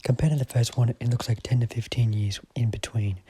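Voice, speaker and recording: A young man narrating a movie countdown in scripted voice-over, with a dry, deadpan delivery that often drops to a half-whisper. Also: medium pitch, brisk, a little hiss or hum, low-quality recording. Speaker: movie ranking vlogger.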